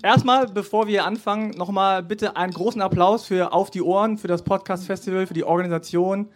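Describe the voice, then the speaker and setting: A man's voice: high-pitched, fairly even intonation, brisk. A man hosting a live podcast interview on an outdoor festival stage, casual and playfully teasing his guest. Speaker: podcast host.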